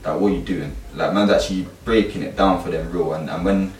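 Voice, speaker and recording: This casual chat features a London-accented man who mentors youth and teaches a course, speaking in emphatic street slang. He is low-pitched with fairly even intonation and talks a little fast; the mic sits at a distance, so the sound is roomy with faint background noise.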